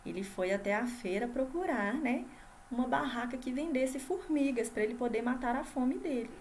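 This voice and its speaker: A Brazilian woman with a somewhat high voice teaches a video lesson to small children. She draws syllables out in a sing-song way and keeps asking the class if they follow. A faint hiss sits under the recording. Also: expressive, normal speed, a little mellow. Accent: Brazilian Portuguese. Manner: constant checking questions to the class. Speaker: primary school teacher.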